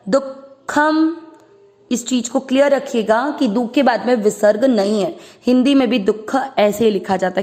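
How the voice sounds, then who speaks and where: A woman's voice: fairly high pitch, a little mellow. A woman teaching the pronunciation of a Sanskrit verse syllable by syllable, patiently drawing out the sounds when she chants. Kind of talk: slow syllable-by-syllable pronunciation lesson.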